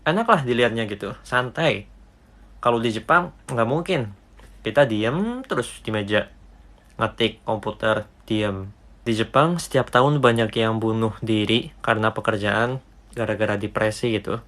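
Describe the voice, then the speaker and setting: A man's voice: medium pitch, normal speed, fairly bright tone. A man talking casually and matter-of-factly about his life. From Japan. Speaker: office worker. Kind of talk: casual interview talk.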